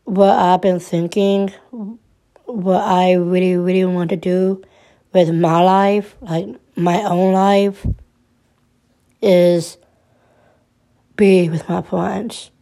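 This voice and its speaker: A woman in her twenties talking through her troubles in a personal monologue, halting and subdued, restarting and repeating her words often. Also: fairly low pitch, level tone, warm tone. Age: 20s.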